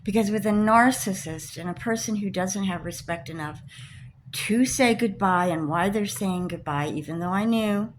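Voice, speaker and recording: A woman's voice: mid-range voice, normal speed, slight background noise, poor audio. A woman, older, ranting to camera in an indignant, emphatic way about being let down. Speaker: vlogger. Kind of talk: personal rant to camera.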